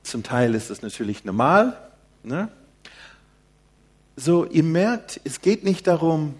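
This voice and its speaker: An older man preaching a sermon in a quiet, soft-spoken manner. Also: medium pitch, slightly rough.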